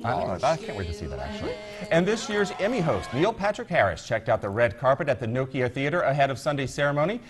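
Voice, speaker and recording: Animated joking man co-host. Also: medium pitch, quick pace, soft background music. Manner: corny jokester, animated. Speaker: morning show co-host. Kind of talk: joking news banter.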